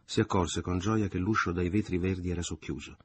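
A man narrating a literary novel in steady audiobook reading. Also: low voice, brisk, a little hiss or hum.

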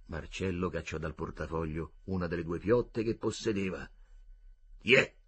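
A man reading a novel aloud as an audiobook narrator, in a steady storytelling delivery. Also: deep voice, normal speed, breathy edge. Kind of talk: scripted narration.

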